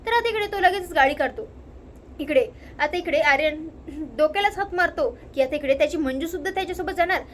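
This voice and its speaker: A woman's voice: high-pitched, a little fast, a bit bright, slight background noise. A woman with a Marathi accent casually recapping a TV serial episode, leaning on the same filler phrases. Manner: repeats filler phrases like "now here". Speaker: narrator retelling a TV serial episode. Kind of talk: casual spoken story recap.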